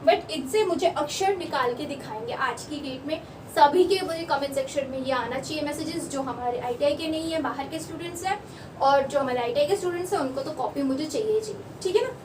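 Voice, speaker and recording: A woman teaches a class with a high voice, explaining slowly and repeating herself so everyone follows. She sounds distant from the mic in an echoey room, with faint noise behind her. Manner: explains slowly, repeating words and checking with listeners. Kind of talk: classroom lesson.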